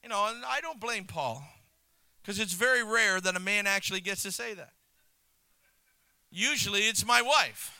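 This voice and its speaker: A male missionary preacher delivering a sermon, telling the story with animation, chuckling between points and swinging into shouts. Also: high-pitched, moderate pace, long pauses, clean tone, dry recording, poor audio.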